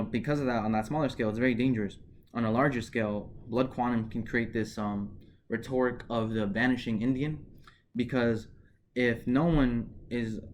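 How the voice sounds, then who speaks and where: A man's voice: medium pitch, a little mellow, a little hiss or hum. A man vlogging to camera in a casual, earnest way, often adding "right?" and restarting phrases as he thinks.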